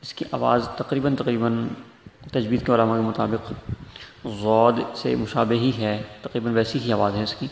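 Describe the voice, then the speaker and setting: A man gives a patient tajweed lesson, his voice gravelly with creaky edges. He explains each letter slowly and drags out sounds to demonstrate them. The recording rings with a long hall echo over a faint background hiss. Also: mid-range voice, little pitch movement. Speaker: Quran recitation teacher. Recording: echoey room with faint noise.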